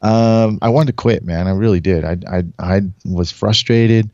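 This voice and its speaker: A man's voice: lowish voice, moderate pace, darkish tone, no room sound, dull audio. A man in his forties from Southern California, a podcast guest who rambles through stories, laughs often and acts out what people said. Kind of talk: casual storytelling.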